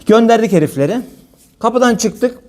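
A man's voice: sits high, expressive, moderate pace, dark tone. A man preaching an informal religious talk from a lectern before an audience, blunt and colloquial, with pious phrases throughout.

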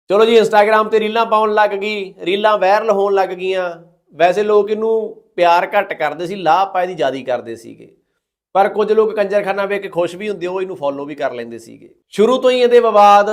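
A man telling a true story in a moralizing, scornful way, acting out other people's words. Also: high voice. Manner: moralizing, scornful, quotes others in their voices. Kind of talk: dramatic storytelling.

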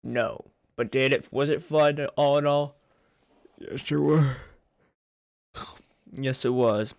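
A man's voice: medium pitch, steady tone, slow pace, gravelly, darkish tone, dry recording, clean studio sound. A man with a groggy morning voice, casually narrating a recap of a video game match as the channel host, asking himself questions and answering them. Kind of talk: casual narration over gameplay clips.

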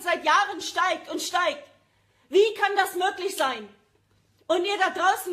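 Very high-voiced woman ranting angrily. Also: pushed and bright. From Germany. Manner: agitated, repetitive, addresses viewers directly. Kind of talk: angry livestream rant.

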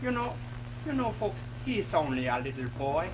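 An actor playing a kindly, pleading clown in an early talkie film, halting and folksy, with ungrammatical, repetitive speech. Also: male voice, on the high side, sing-song. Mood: earnest pleading. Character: kindly, pleading circus clown, stubborn lone juror. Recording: noisy 1920s film soundtrack with hum.

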